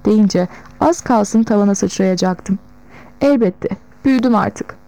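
A woman narrating a novel in the first person, in a measured storytelling manner. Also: mid-range voice, mellow, low-quality recording. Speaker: audiobook narrator.

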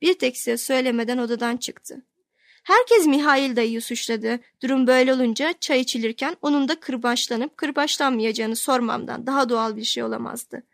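Higher-voiced woman reading a novel aloud. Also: normal speed, creaky, no room sound, studio quality. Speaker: audiobook narrator. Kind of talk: scripted narration of a novel.

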